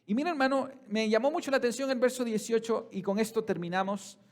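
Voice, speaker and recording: A man preaching a sermon as pastor, calling the congregation brothers and putting questions to them, swinging from quiet, slow passages to loud, raised ones. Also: very high voice.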